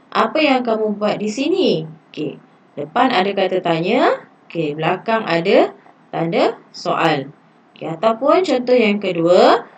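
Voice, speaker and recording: A woman's voice: medium pitch, far from the mic. A woman teacher with a Malaysian Malay accent, reading a passage aloud and explaining sentence types to pupils, with many "okey" fillers.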